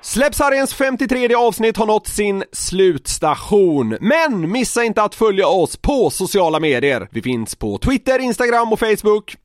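A man hosting a podcast, thanking his guest and wrapping up the episode in a brisk, upbeat way. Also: high-pitched, no room sound, clean studio sound. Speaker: podcast host. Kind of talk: casual chat, show outro.

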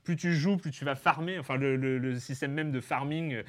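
A man hosts a relaxed, chatty conversation. He stops and restarts his sentences often and fills his pauses. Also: medium pitch. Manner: hesitant, many fillers and restarts. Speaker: podcast host. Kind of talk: casual chat about video games.

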